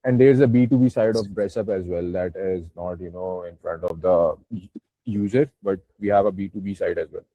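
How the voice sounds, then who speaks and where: A man's voice: low voice, normal speed. A man with a Pakistani accent, a startup founder answering questions informally on an online call, often hedging with "you know". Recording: muffled phone-like call audio, roomy echo.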